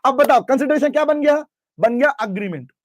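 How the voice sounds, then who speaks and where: High-voiced male teacher lecturing a class. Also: a little fast, dry recording. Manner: lively, questioning students, mixes English terms into speech. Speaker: commerce teacher. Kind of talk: classroom lecture with role-play. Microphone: camera recording in class.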